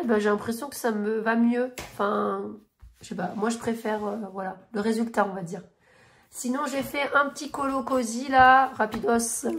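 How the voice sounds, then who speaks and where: A woman in her thirties chatting casually in a coloring vlog, gushing and rambling with many fillers and restarts. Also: medium pitch. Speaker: coloring vlogger. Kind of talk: casual chat showing coloring books and finished pages.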